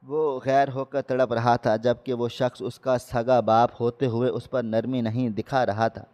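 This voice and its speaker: A male storyteller reads a dramatic moral tale in a scripted, expressive style. His voice sits in the middle pitch range for a man. A long reverb trails each phrase.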